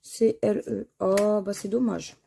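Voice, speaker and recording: A woman's voice: mid-range voice, level tone, takes it slowly, creaky, warm tone, slightly rough. A woman commenting casually as she scratches lottery crossword tickets, reading out words and letters one by one and sighing when they miss. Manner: reads out words and letters one by one, sighs at misses. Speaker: scratch card vlogger.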